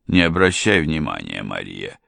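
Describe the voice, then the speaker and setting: A scheming impostor preacher who talks down to everyone with cold insolence, voiced by a male reader. The voice is deep, slow and gravelly, recorded close and dry. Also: animated, a bit bright, no echo, heavily acted. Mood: contemptuous.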